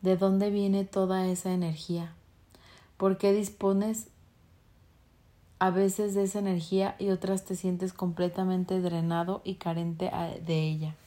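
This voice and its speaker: Mellow-voiced woman reading aloud. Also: lowish voice. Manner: unhurried reading with small slips and self-corrections. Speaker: reader of a self-help book.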